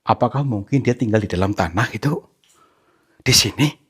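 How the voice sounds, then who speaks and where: A man hosting a ghost-hunting vlog who politely coaxes and soothes unseen spirits, often hushed. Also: on the low side, expressive, moderate pace, a little hiss or hum. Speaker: paranormal explorer host.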